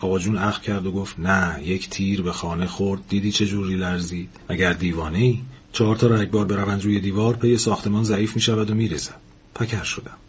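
Man, very low voice, audiobook narration, calm and steady, slight background hiss.

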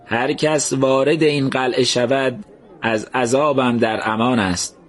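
A calm young man from a storybook speaks with measured reverence. A man acts him out. His voice sits at an ordinary middle pitch, a touch above the narrator's. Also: a faint crowd, close to an everyday voice. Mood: reverent. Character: calm young man recounting sacred words.

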